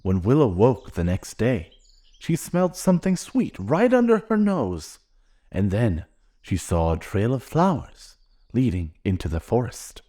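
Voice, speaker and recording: A man gently reading a children's storybook aloud in an expressive way. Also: lowish voice, a little slow. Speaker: narrator.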